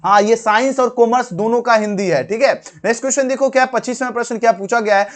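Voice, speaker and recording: A man's voice: very high voice, fast. A man walking through an exam answer key, repeating each question, calling viewers dear friends, his talk full of fillers. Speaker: teacher.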